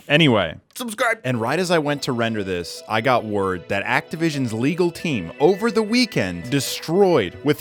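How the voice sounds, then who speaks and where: A man giving casual, animated commentary to camera as a gaming video creator, talking in slang and restarting his sentences. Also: medium pitch.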